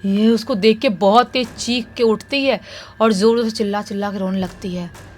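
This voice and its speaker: A woman casually retelling a true horror story in an animated, conversational way. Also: mid-range voice, normal speed, a little hiss or hum.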